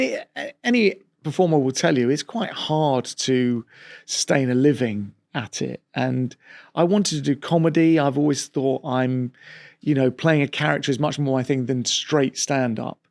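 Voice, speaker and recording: A man's voice: medium pitch, measured pace, creaky, no room sound, studio quality. A man from England, a comedy actor guest on a radio show, chatting casually in a self-deprecating way. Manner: chatty, self-deprecating, breaks into brief voices. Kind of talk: casual radio interview chat. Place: radio studio.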